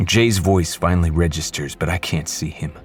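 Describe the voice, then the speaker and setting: A man narrating a first-person audiobook with low, restrained menace. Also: moderate pace, soft background music.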